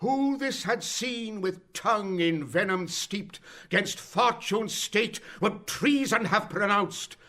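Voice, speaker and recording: Playing a travelling stage actor, a man recites a tragic war speech in Shakespearean verse, his declamation dramatic, measured and full of solemn fervour. His voice sits high with a sharp tone, the performance heavily acted, and the mood is sorrowful and solemn.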